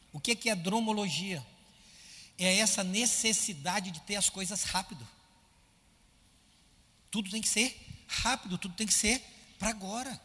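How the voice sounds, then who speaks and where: A man preaching a sermon as pastor, animated, firing rhetorical questions at his congregation and acting out his listeners' complaints. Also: high voice, husky, big-room sound.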